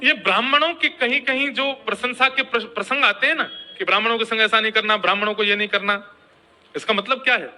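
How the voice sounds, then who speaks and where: Bright-voiced man telling a devotional story. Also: sits high, brisk, slight background noise. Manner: dramatic, chants verses.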